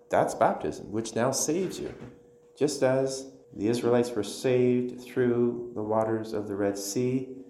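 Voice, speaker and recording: A man teaching a Bible lesson in a measured, emphatic way, quoting scripture aloud. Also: lowish voice, a little mellow, reverberant, a little hiss or hum.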